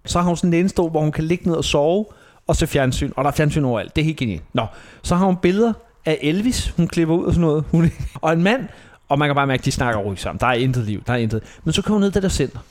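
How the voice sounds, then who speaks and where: A man speaking, chatting casually as a podcast co-host and telling animated stories that he fills with impressions of people. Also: on the high side. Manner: animated storyteller, mimics people, laughs often. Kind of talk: casual chat.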